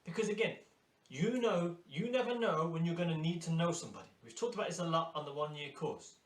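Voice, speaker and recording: A man's voice: fairly high pitch, lively intonation, brisk. Motivational male instructor in an echoey room. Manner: emphatic, repeats key phrases for effect. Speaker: course instructor for hairdressers. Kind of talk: motivational course lecture. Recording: roomy echo.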